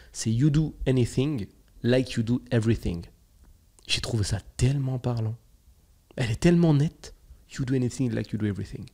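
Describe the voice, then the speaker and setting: Slangy animated young man, mellow voice. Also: medium pitch. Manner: animated, slangy, acts out his own inner voice. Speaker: podcast host. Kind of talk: casual monologue.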